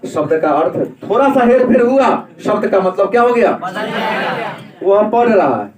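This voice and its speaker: Male teacher, high voice, classroom grammar lecture, asks and answers his own questions, echoey room, distant mic. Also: animated, moderate pace, a crowd in the background.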